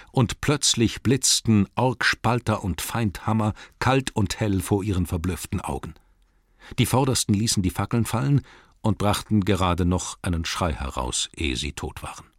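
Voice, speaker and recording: A man narrating a storybook in a measured, dramatic reading, slowing down for emphasis. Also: lowish voice, no room sound, studio quality. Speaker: audiobook narrator.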